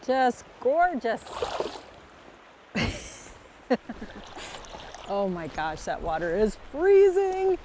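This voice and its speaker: Woman, outdoor fishing co-host; excitable, laughs a lot, animated pitch, slow delivery, music bed underneath. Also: noisy background. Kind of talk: casual outdoor chat. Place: outdoors by a river.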